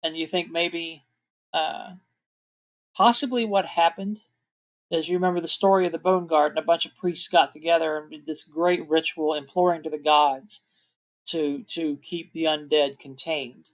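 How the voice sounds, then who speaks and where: A woman's voice: low voice, steady tone, moderate pace. A woman narrating as game master in a casual, chatty way, laughing often and restarting her sentences now and then.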